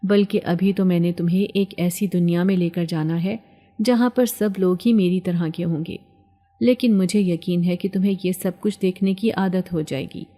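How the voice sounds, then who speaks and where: A woman's voice: on the low side, fairly even intonation, mellow, close to an everyday voice. A woman voicing a menacing, possessive male jinn, with a taunting and threatening manner. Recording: long hall reverb.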